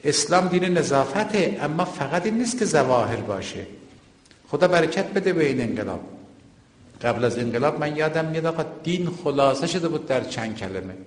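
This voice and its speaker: A man delivering a storytelling sermon as a cleric, rising and dropping his voice sharply. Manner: storytelling preacher with sudden rises and drops in pitch. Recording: roomy hall with long echo.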